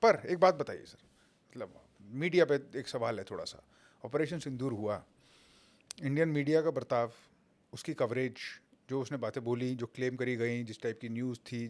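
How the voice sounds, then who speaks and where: A man hosting a podcast, asking questions in a measured way. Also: mid-range voice, a little mellow. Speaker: podcast host. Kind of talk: interview questions.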